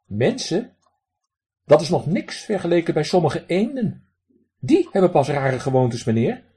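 A man voicing a stern, sharp-tongued male duck in a storybook reading, with a raw quacking voice and a reproachful, sarcastic manner. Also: fairly high pitch, big pitch swings, unhurried, slightly rough, voice pushed up, heavily acted. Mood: scolding.

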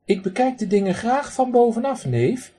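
A man's voice: very high-pitched, big pitch swings, normal speed, warm tone, husky, pitched above the performer's own voice, full character voice. A man voicing a pompous, posh older male duck who speaks in a haughty, affected upper-class manner, in a storybook reading.

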